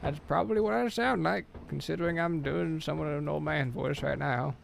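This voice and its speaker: A man's voice: on the high side, brisk, gravelly, voice pushed up. A man voicing a folksy, boastful old man on a noisy game stream. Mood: amused.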